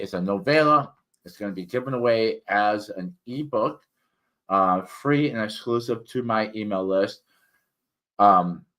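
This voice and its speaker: A man with a very deep voice talks casually, as a host sharing opinions and updates. His words come slightly thick from a swollen mouth. He rambles haltingly, doubling back on words and correcting himself as he goes. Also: sharp tone. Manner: halting, with repeated words and many self-corrections. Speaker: host, reviewer and writer. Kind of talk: casual, rambling spoken review and personal update.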